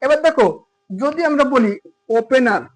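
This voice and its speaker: An English tutor with a Khulna Bengali accent teaches English grammar in Bengali, explaining patiently and throwing rhetorical questions at his students. His very high voice is animated and moves at a moderate pace. The classroom grammar lesson comes through tinny, phone-like audio.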